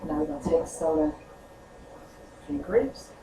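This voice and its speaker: A woman's voice: deep voice, animated, unhurried. Woman, cooking vlog host, chatty, hums while tasting, echoey room, faint background hum.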